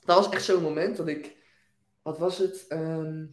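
A young man, a business owner and guest, telling his story in a casual interview with animated energy and frequent laughs. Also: a little high, measured pace, reverberant. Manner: animated storytelling, laughs often, fillers like "weet je wel".

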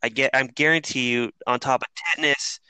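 A man's voice: medium pitch, a little fast, smooth, no echo, poor audio. A middle-aged man telling a long story in casual chat, rambling and swearing freely with lots of fillers. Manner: profane, rambling, animated storyteller.

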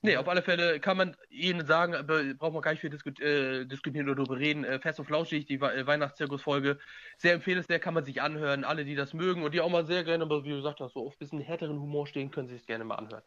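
A man talks fast in a relaxed podcast chat, often agreeing and hesitating over his words. His voice sits a little high, and the recording sounds dull and lo-fi. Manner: agreeable, keeps affirming, with hesitant fillers. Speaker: podcast co-host. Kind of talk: casual chat.

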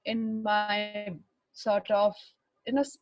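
A middle-aged woman from Bihar with an educated Indian accent, telling her life story in a halting, reflective way, searching for words. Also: mid-range voice, flat delivery, no echo, muffled recording, soft background music. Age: 40s or older. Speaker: interview guest, runner and fitness trainer. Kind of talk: personal life story in conversation.

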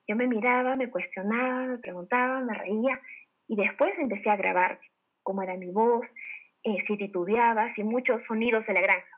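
A woman leading a network marketing team, giving an animated motivational talk full of rhetorical questions and direct appeals to her listeners. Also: on the high side. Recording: tinny phone-like audio.

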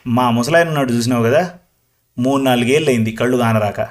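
Man playing talkative old village granny, slow and rambling, storybook. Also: mid-range voice, natural voice. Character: chatty old village grandmother, talkative and proud. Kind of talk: storybook reading.

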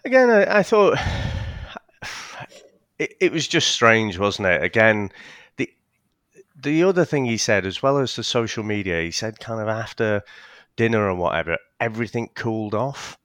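A man's voice: lowish voice, big pitch swings, moderate pace, fairly bright tone, no room sound. A man co-hosting a casual podcast, hesitant, with stammering restarts and casual swearing. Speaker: podcast co-host.

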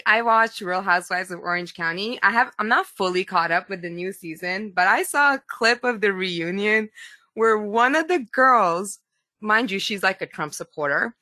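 A woman co-hosting a casual podcast chat, telling stories with animated acted-out voices and frequent laughter. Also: medium pitch, moderate pace, dry recording. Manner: animated storyteller, acts out voices, laughs often.

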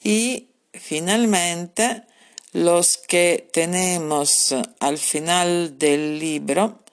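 A woman's voice: on the low side, fairly even intonation, very slow. A woman teaching grammar in a recorded podcast lesson, patiently repeating her points and spelling out examples. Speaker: language teacher.

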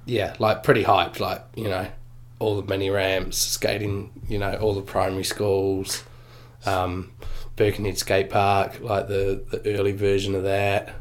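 A man in his forties with a New Zealand accent, a guest in a casual interview, talking in a relaxed, slangy way with lots of fillers. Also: deep voice, unhurried. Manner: laid-back slangy, many fillers and swearing. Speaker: guest snowboarder.

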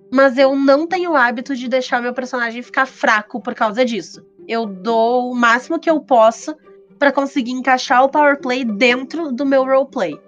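A Brazilian woman co-hosting a podcast in casual, chatty speech. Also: high voice. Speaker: podcast host. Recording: slightly muffled band, music behind.

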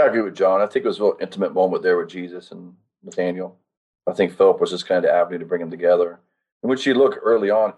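A man's voice: low-pitched, darkish tone, husky, rough recording. A man on a podcast panel who speaks in an easygoing, agreeable way, often saying "kind of.". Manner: agreeable, loose, uses "kind of" a lot. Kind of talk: casual roundtable discussion.

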